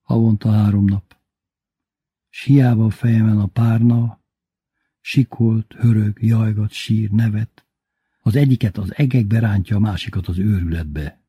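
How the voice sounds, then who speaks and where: Man reading a story, deep dark husky voice, dead dry sound. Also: fairly even intonation, no room sound. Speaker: audiobook reader. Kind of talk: scripted first-person narration.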